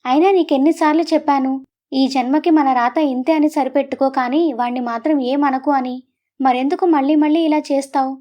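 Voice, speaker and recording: A woman's voice: sits high, fairly even intonation, normal speed, darkish tone, natural voice. Woman voicing a worried soothing father. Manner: soothing, impatient. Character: worried calming older father.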